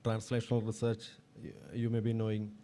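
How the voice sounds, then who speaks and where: A man with a Kerala accent speaks with a sore throat in a dark, throaty voice. He gives a formal talk in a flat, halting delivery, never very loud. There is slight noise in the background. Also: lowish voice. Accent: Indian, Kerala. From Kerala, India. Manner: formal, halting with repeated words. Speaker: guest speaker, veterinarian. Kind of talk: prepared motivational research talk.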